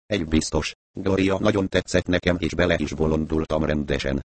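Guy reading a cocky cynical adventurer in an audiobook, low voice, dry sound, brushing everything off. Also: steady tone, no echo. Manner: dismissive, sarcastic. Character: brash cynical male adventurer, shrugging off blame.

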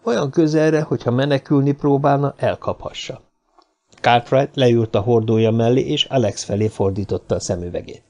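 A man reading an audiobook in even, measured scripted narration. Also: mid-range voice.

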